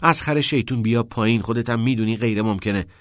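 A man's voice: medium pitch, no echo, clean studio sound, natural voice. A man voicing a shy, defensive teenage schoolboy who grows reluctant and then flares up, in an audiobook reading. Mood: doubtful.

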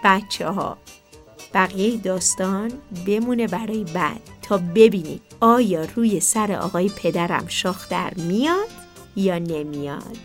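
A woman's voice: mid-range voice, lively intonation, soft background music. A woman narrating a children's story, speaking directly to the kids.

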